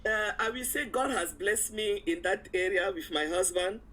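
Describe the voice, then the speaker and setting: A woman with a mid-range voice speaks at a moderate pace over poor audio. She's a guest in an interview, casually telling a personal story and acting out the dialogue, her animated retelling full of quoted lines and frequent chuckles.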